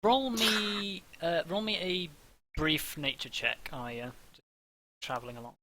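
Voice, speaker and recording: A man's voice: a little high, a little slow, sharp tone, slight background noise, poor audio. A man running a tabletop game as game master, narrating with many fillers and restarts.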